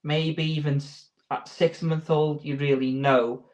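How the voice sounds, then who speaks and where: A man's voice: on the high side, flat delivery, a little slow, a little mellow. A man giving informal interview answers as a sheepdog handler, explaining in a hesitant, rambling way.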